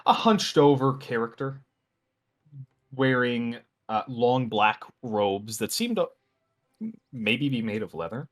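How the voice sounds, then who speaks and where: A man narrating a tabletop game as game master in a measured, descriptive way. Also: medium pitch, expressive.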